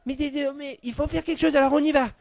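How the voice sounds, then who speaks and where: A man's voice: very high voice, steady tone, fast talker, vocal fry, dry recording, voice pushed up. A man playing a fanatical male leader who rants and stammers while he whips up a crowd. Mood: ranting. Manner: ranting, stammering, whipping up a crowd. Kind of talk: comic sketch.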